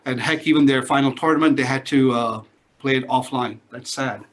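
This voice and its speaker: Speaking at a moderate pace in a medium-pitched voice over slight background noise, this middle-aged man introduces himself to his business class. He has a Singaporean English accent, having grown up in Singapore though he's from Pakistan, and he's chatty and jokey, often asking "all right?".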